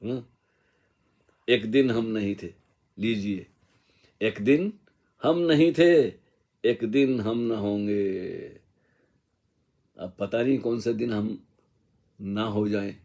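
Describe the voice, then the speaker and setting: A man giving an unhurried, reflective spiritual discourse, musing with casual asides and slowly reciting couplets. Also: lowish voice, a little mellow. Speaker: spiritual teacher.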